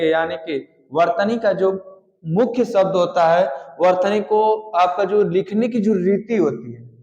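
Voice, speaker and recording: A man's voice: high-pitched, a little mellow. A man teaching an exam-prep grammar lesson in an explanatory way, often calling the students his friends. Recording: echoey room, dull lo-fi sound.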